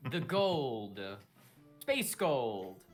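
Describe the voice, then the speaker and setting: Deep, lively-voiced woman player. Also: very slow, soft background music. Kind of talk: playing a tabletop game.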